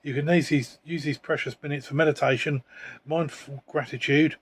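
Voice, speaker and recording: A man's voice: on the high side, fairly even intonation, normal speed, breathy edge. A man, reading product descriptions aloud and adding dry remarks in a casual unboxing chat. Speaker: co-host reading product cards.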